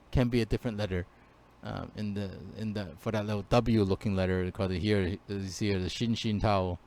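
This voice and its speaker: Male online tutor, casual screen-share lesson, stop-start delivery with lots of fillers, mid-pitched. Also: clear, resonant tone. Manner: hesitant, many fillers and restarts. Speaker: language teacher.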